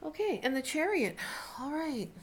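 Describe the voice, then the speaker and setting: A woman giving a casual, unscripted tarot reading as host, talking in a chatty, halting way as she thinks aloud. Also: high-pitched, very animated. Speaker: tarot card reader hosting a video reading. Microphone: camera set up in front of the speaker. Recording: noticeable background noise with clicks.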